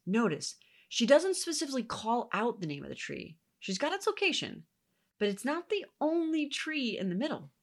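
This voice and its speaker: Expressive woman giving Bible teaching. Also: fairly high pitch, normal speed, hardly any pauses. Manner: earnest, reflective, with soft whispered asides.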